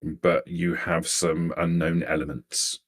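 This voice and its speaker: In improvised tabletop roleplay, a man voices a poised vampire noblewoman, speaking low and level with formal, deliberate, measured word choices. Beneath the politeness lies cool menace, and the mood is guarded and calculating.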